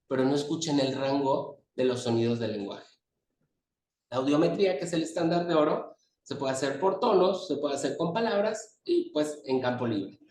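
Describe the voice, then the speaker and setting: Male conference lecturer, slightly high voice, echoey hall, mic set back from him. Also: a little mellow. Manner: explanatory, pointing at slides. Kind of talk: medical lecture. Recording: echoey hall, distant mic, faint noise.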